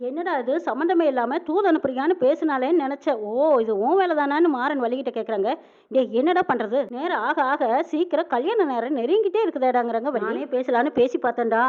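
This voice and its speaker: A woman quickly retelling a TV serial episode, reporting each character's lines one after another with a tag of who said them. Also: high-pitched. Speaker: serial recap narrator. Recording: narrow phone-like band.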